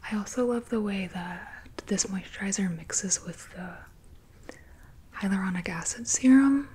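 A woman doing a whispered role-play as a gentle, soothing spa attendant, in a soft, breathy whisper. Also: medium pitch, unhurried. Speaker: ASMR host playing a spa beautician.

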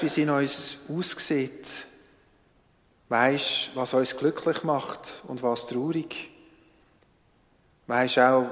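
A male pastor, leading prayer and reading scripture in a calm, measured, solemn manner. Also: mid-range voice. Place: church. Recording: long church reverb.

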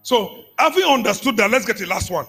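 A man preaches in a high, animated voice that leaps about in pitch. His tone is bright and a little husky, and he repeats lines for the congregation, dropping to a hush, then rising to a shout. Soft music plays underneath. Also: fairly quick. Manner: call-and-response preaching, repeats phrases, swings from hushed to shouting. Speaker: apostle preaching. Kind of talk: sermon.

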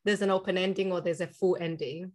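A woman's voice: lowish voice, steady tone, a little fast. A woman hosting a podcast interview, encouraging and affirming as she invites her guest to share. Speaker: podcast host. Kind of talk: interview conversation.

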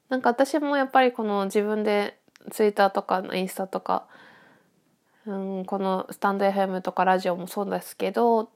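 A woman's voice: mid-range voice, a little mellow. A woman with a stuffy-nosed, nasal voice chatting casually on her own as an audio podcast host, reflective and hesitant as she thinks aloud.

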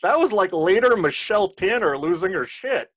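A man's voice: high-pitched, lively intonation, moderate pace, a bit bright. A man hosting a podcast on a video call, running a party game in joking, profane casual chat. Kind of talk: casual late-night chat.

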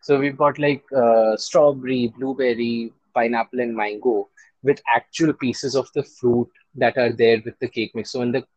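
A man's voice: mid-range voice, steady tone, normal speed, no room sound, highs cut off. A man with an Indian accent speaking as an interview guest, chatting casually and telling stories about running his own business. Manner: chatty, switches between English and Hindi.

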